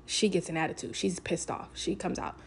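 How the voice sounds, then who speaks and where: A woman's voice: on the low side, steady tone, brisk, husky. A woman talking candidly to camera, telling a personal story in a casual, frank way, swearing freely and filling with "like".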